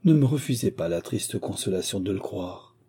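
A man's voice: lowish voice, expressive, normal speed, mellow, breathy edge. A man reading a lovesick young suitor. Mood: pleading, ardent.

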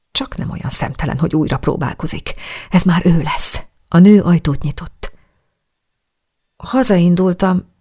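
An audiobook reader narrating a romance story calmly and in a measured way. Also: medium pitch, vocal fry. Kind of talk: scripted narration.

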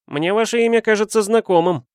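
A man's voice: sits high, brisk, no room sound, studio quality, pitched above the performer's own voice, close to an everyday voice. A man voicing a young, haughty student poet of noble birth who squeals with indignation. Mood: puzzled.

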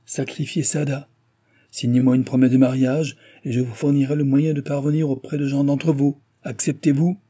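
A man voicing a scheming young woman who bargains coolly in a storybook reading, pitching his husky voice a little higher. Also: level tone, normal speed, dark tone, lightly acted. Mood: bargaining. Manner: cool, bargaining.

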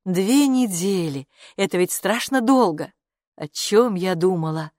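A woman's voice: fairly low pitch, expressive, unhurried, a little mellow, no echo. A storybook mother, tired and sad, with a weary, sighing way of talking, as a woman narrator voices her. It is close to the reader's own voice, recorded dry and close.

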